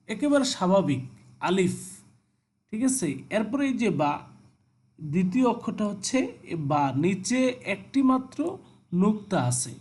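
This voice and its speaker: Male Quran teacher, high voice, patient step-by-step lesson delivery, Bangladeshi Bengali accent. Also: darkish tone. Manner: repetitive, instructive, checks with "ঠিক আছে?". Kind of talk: explaining Arabic letters in a video class.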